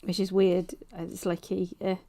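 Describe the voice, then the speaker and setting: Casting: female livestream painter, soft-toned and mellow, hesitant casual chat peppered with nervous giggles. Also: lowish voice, completely flat delivery, normal speed. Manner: frequent nervous giggling while talking; hesitant, rambling, self-conscious.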